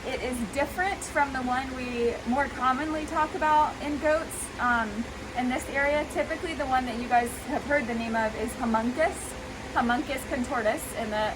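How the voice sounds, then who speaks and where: Higher-voiced woman talking through a face mask, noisy. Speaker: veterinary professional treating goats. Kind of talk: casual explanatory talk to camera. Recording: noisy, steady rushing background hiss.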